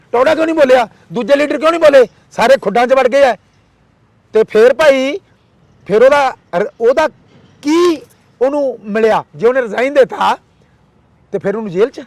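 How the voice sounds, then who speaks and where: A man's voice: extremely high pitch, no room sound. A man giving an impassioned interview, firing off rhetorical questions and repeated demands. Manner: fiery, rhetorical, repeats demands in rapid lists.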